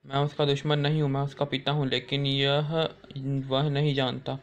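A man's voice: mid-range voice, little pitch movement, moderate pace, close to an everyday voice. A man reading the lines of a defensive middle-aged father in his own voice, with no acting.

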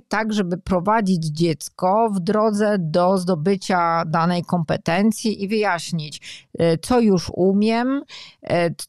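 Woman, lowish voice, measured explainer with hesitations, dry close mic. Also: no room sound. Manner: explanatory, frequent "e" fillers, measured. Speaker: education expert, podcast co-host. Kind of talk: conversational podcast explanation.

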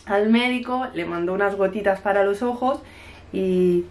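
A woman from Spain, a mother in her thirties, chatting to camera in her home kitchen. She tells a story and acts out each line of dialogue, her voice at a middle pitch, with a cough from a cold. Faint noise sits behind her. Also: moderate pace. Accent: Spanish from Spain. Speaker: family vlogger, mother. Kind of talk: casual chat to camera.

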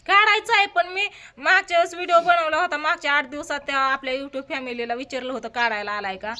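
A middle-aged woman, chatting lively and directly to her viewers in a family vlog. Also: sits high, fast. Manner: lively, talks straight to viewers. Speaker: vlogger.

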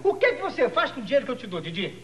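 A man's voice: very high voice, huge pitch swings, rapid-fire, fairly bright tone, some chatter behind, a little hiss or hum, full character voice. An actor playing a flustered, exasperated male boss in a slapstick TV comedy sketch, impatiently correcting his assistant.

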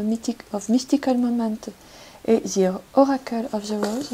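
A woman giving a tarot reading to her viewers, speaking gently and unhurriedly with many pauses. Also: fairly high pitch, slight background noise, poor audio. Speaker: tarot card reader.

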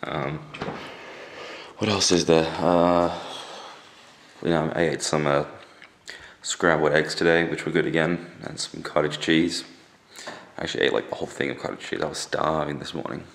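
A young adult man with a swollen, sore jaw, rambling casually and deadpan to a handheld camera at home. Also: rumbling low. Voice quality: gravelly, creaky voice. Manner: deadpan, dryly joking. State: swollen, sore jaw after wisdom teeth removal. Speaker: vlogger. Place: indoors at home. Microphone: handheld camera at arm's length.

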